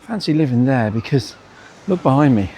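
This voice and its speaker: A man's voice: mid-range voice, lively intonation, moderate pace, mellow, slight background noise. Chatty, upbeat man vlogging a day trip. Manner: chatty, upbeat, self-deprecating. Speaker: travel vlogger. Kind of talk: casual travel vlog narration. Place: outdoors on a railway day trip.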